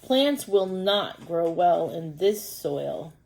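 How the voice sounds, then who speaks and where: A woman reading the lines of a small, cheerful male earthworm from a storybook, slowly and deliberately. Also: fairly low pitch, lively intonation, creaky, a little mellow, heavily acted, rough recording. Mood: friendly. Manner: slow, deliberate read-aloud.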